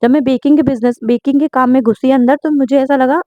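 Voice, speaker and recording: A woman's voice: high voice, steady tone, fast, no room sound, narrow, tinny audio. A young woman home baker, chatting earnestly as she answers viewers' questions in a casual vlog, often checking in with her listeners. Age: young adult.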